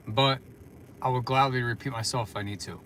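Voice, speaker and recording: A man's voice: mid-range voice, steady tone, normal speed, noisy background. A tired man chatting casually on a livestream from his parked car, rambling with lots of fillers. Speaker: vlogger.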